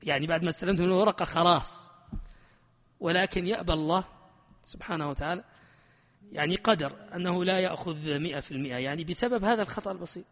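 Teaching grammar to a class, this high-voiced man is emphatic and animated and keeps firing questions at the students. He speaks fast, and the hall around him is reverberant with a long ringing tail.

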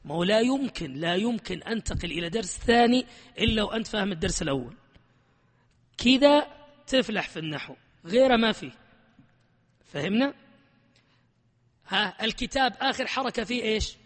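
A man with a high voice runs an animated, emphatic grammar lesson, quizzing his students constantly. He talks fairly quickly and pauses often, in a reverberant hall whose echo rings on for a long time.

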